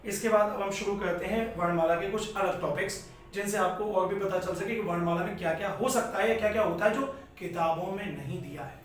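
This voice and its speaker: A man's voice: sits high, a little fast, a little hiss or hum. A man teaching a Hindi grammar lesson, explaining step by step and repeating key points, in an echoey room far from the mic. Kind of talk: classroom lecture.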